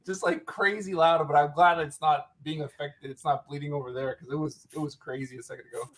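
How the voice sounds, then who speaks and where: A man co-hosting a casual reaction chat over a video call, easygoing, with lots of fillers and quick laughs. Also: on the high side, steady tone, over a noisy crowd. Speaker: co-host.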